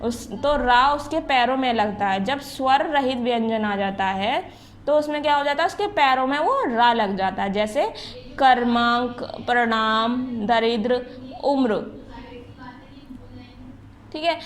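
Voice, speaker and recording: A woman teacher walks through a grammar lesson, repeating each term and sounding out letters slowly. Her voice sits a little high. A faint hiss runs under the recording. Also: expressive. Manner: often checks in with the class. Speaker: school teacher.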